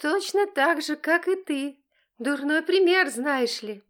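A woman voicing a shrill, mocking teenage girl. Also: animated, takes it slowly, fairly bright tone, exaggerated voice. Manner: sarcastic, shrill and defiant. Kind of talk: audiobook character voice.

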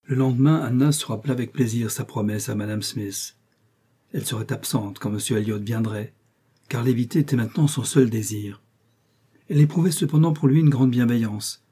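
Man reading a novel, dark husky voice. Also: medium pitch, brisk. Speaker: audiobook reader. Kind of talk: novel narration.

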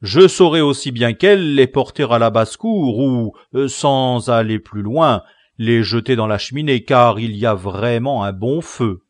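A man's voice: medium pitch, measured pace, no echo, clean studio sound, voice pushed up, natural voice. A man voicing an eager, know-it-all village barber in an audiobook, keen to correct others.

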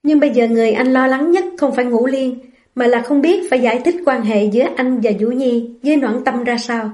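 A woman giving scripted novel narration as an audiobook narrator, in an even storytelling way. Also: fairly high pitch, brisk.

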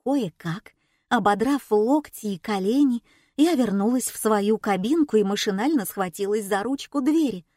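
A woman narrating a first-person story in a wry, measured manner. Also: mid-range voice, lively intonation, mellow, no room sound, clean studio sound. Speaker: audiobook narrator.

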